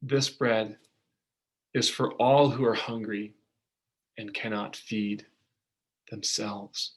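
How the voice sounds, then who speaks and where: A man voicing a kind, generous man who offers free bread, speaking gently and warmly welcoming. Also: on the low side, fairly even intonation, slow, husky. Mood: gentle.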